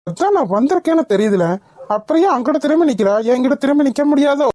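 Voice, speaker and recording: A woman's voice: high voice, lively intonation, fast, dark tone. A woman voicing a bumbling young husband in a cartoon, flustered and muttering to himself as he tries to win back his wife. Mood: fretful. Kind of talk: cartoon voice acting.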